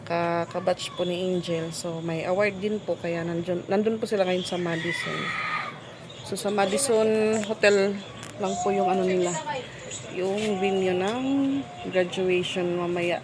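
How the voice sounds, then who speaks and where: A woman's voice: lowish voice, level tone, measured pace, noisy background. A woman, narrating a casual home vlog and speaking politely and chattily to her viewers. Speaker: vlogger.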